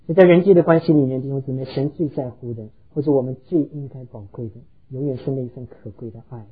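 A male pastor preaching an earnest sermon to his congregation, telling stories and pausing on hesitant fillers. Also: medium pitch, breathy edge, narrow, tinny audio.

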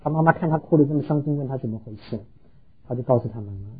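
A male pastor preaching an earnest sermon to his congregation, telling stories and pausing on hesitant fillers. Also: medium pitch, narrow, tinny audio, a little hiss or hum.

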